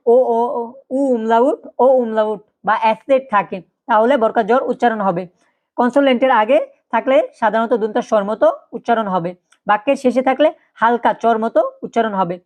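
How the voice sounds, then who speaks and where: A woman with a fairly high voice gives a spoken pronunciation lesson. She goes step by step, repeating each word several times and dropping a quick "yes" between her points. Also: a little mellow. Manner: explains step by step, repeating words and saying "yes" often. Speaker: language teacher.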